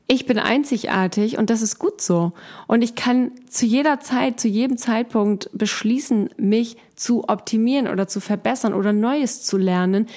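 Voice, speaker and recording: A woman's voice: a little high, darkish tone. A woman coach giving a casual motivational talk straight to the listener, encouraging and chatty, often restarting her sentences.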